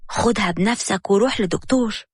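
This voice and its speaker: A woman voicing a calm, defiant ex-wife in an Egyptian accent, speaking in a measured, firm way. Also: mid-range voice, slightly rough, dry recording, clean studio sound, close to an everyday voice. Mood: persuading.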